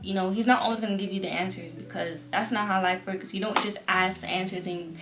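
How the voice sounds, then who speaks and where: A woman's voice: medium pitch, steady tone, fairly quick, music in the background. A young woman giving a casual personal testimony as a vlogger, with the earnest, emphatic manner of a fervent new believer, repeating phrases for emphasis.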